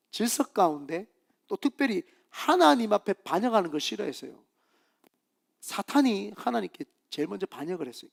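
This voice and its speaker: A pastor preaches, his pitch rising and falling widely as he tells stories. His man's voice has a gravelly edge. He slips in and out of the voices of the people in the tales he tells. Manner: animated storytelling, acting out voices in quotes. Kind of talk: Friday evening sermon.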